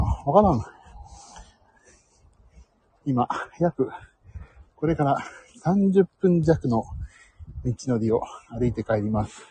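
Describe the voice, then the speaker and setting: A man hosting a casual live stream on his phone as he walks home, talking quietly and a little out of breath. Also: medium pitch, slight background noise, rough recording. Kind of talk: casual live-stream chat while walking. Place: outdoors, walking home from the station. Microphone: phone mic.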